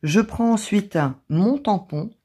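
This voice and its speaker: A woman with an accent of her own in French, calmly talking through a craft tutorial step by step as the channel's host. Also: medium pitch, takes it slowly, a little hiss or hum. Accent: non-native or regional French accent. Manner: calm step-by-step explaining.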